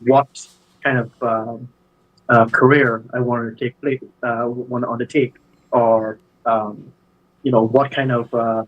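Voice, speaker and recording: A man's voice: medium pitch, dull audio. Man, 40s, interview guest, hesitant storytelling, video call. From Barbados. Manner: warm storytelling, many hesitations and fillers. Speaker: guest, business owner. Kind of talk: casual interview conversation.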